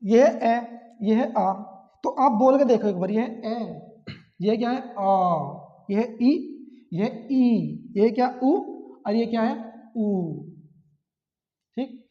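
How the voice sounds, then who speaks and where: A man's voice: extremely high pitch, slow, pauses often. A man teaching an exam-prep grammar lesson, repeating key terms and asking rhetorical questions. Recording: echoey, dull lo-fi classroom sound.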